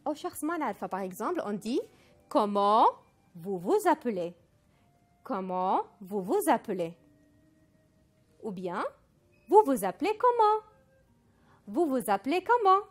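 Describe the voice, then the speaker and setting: A woman teaching a recorded French lesson, saying model phrases slowly and clearly for students to repeat. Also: fairly high pitch, very animated. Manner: slow, deliberate model phrases for repetition, mixing in Arabic.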